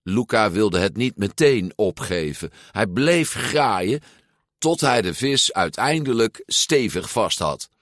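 Low-voiced male audiobook narrator, unhurried, lively intonation, dry close mic. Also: no echo. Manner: measured, expressive read-aloud. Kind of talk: storybook reading.

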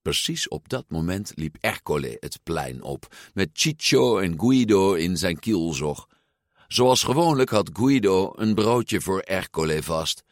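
A man reading a children's story aloud in an expressive, unhurried way. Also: deep voice, dry recording, studio quality. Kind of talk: storybook read-aloud narration.

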